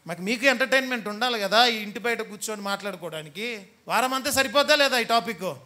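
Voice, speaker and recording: A man's voice: sits high, fast, bright, forceful tone. A man preaching a sermon as pastor, teasing and scolding his congregation and mimicking the people he talks about. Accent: Telugu.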